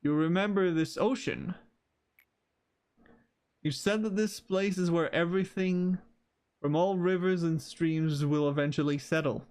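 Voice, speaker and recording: A weary older man speaks with tender, solemn slowness, as a streamer reads his lines aloud. The voice sits fairly high for a man, and he lets each line settle before moving on. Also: darkish tone, lightly acted. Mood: affectionate. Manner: slow, solemn reading of game dialogue.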